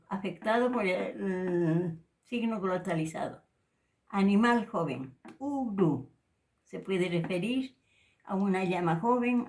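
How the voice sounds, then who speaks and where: A woman from Peru teaching a language lesson, slowly saying example words and repeating them with emphasis. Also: fairly low pitch. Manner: slow, deliberate, repeats and stresses each word louder. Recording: voice a little far from the mic.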